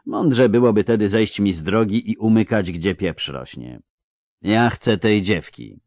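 A man's voice: on the low side, a little slow, a little mellow, dry recording. Male narrator voicing a menacing, hissing bounty hunter, dry studio audiobook read. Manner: sneering, hissing.

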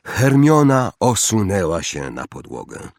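A man narrating a story for an audiobook in an expressive, dramatic way. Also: fairly low pitch, measured pace, no room sound, studio quality.

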